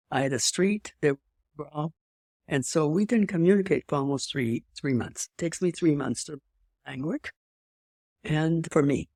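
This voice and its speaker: Her voice is low and warm, recorded dry with clean studio sound. An interview guest in her eighties from Europe, she has a slight French accent and tells her life story conversationally, rambling, restarting and throwing in emphatic asides.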